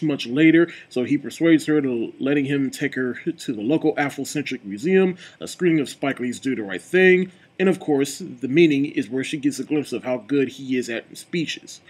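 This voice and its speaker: A man giving a casual, chatty movie review, with a relaxed delivery full of fillers like "like" and "you know.". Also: medium pitch, slightly rough. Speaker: film reviewer.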